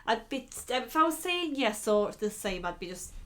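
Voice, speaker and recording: A woman's voice: a little high, big pitch swings, normal speed. A woman co-hosting a podcast in casual chat, blunt and a little sweary. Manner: blunt, sweary, laughs easily. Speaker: podcast co-host.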